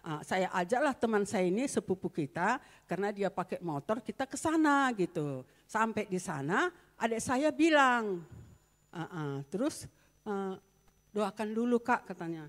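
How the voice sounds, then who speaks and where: A woman's voice: medium pitch, normal speed. Woman preaching in a reverberant church. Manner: animated storytelling, swings from soft to loud exclamations. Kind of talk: sermon with personal testimony. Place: church hall. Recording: long church-hall reverb.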